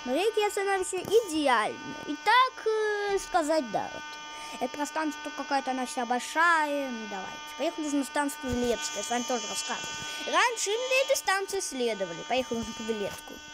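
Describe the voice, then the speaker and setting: Woman, high voice, casual game commentary, rambling, halting, repetitive, very noisy train backdrop. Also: sing-song. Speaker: gamer commentating. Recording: loud noise from train game. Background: train game sounds.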